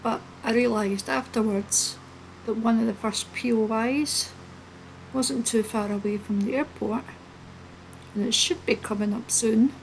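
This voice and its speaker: A woman hosting a flight video with casual, chatty, relaxed running commentary. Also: on the high side, measured pace, vocal fry, rough recording. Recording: steady background noise behind the voice.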